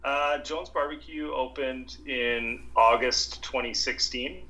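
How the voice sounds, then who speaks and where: A man's voice: mid-range voice, slow pace, sharp tone, rough recording. A man in his thirties, a restaurant owner and podcast guest, telling his story in casual chat with many restarts and repeated words.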